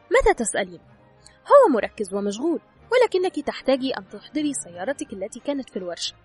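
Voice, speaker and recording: A woman reads an advice book aloud, speaking straight to the listener in an instructive tone. Her voice is breathy and a little high, with a very lively rise and fall. She moves quickly, and faint music sits under her. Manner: instructive, addresses the listener directly. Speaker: audiobook narrator. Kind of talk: scripted narration of an advice book.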